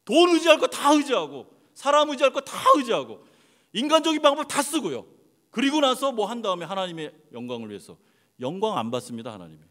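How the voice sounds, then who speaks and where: Male pastor, animated sermon delivery, wide expressive range, reverberant sanctuary. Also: sits high, fast talker. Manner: animated, acts out dialogues with God, swings from hushed to loud. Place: church sanctuary.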